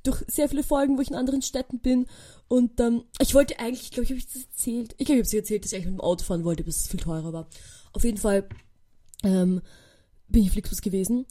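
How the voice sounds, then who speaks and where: A young woman, hosting a podcast and telling a story casually, with lively quoted dialogue and many fillers. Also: on the high side, fast. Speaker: podcast host.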